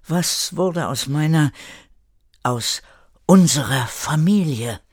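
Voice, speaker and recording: An older man voicing an anxious young man in a spoken family story, his voice pushed up high and urgent with pleading questions. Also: lively intonation, takes it slowly, dry recording, studio quality.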